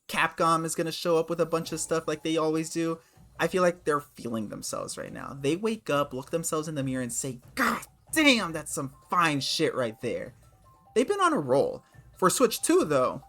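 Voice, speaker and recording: A man's voice: fairly high pitch, a bit bright. A man casually talking through his gaming predictions, sarcastic and swearing freely. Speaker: gaming video creator.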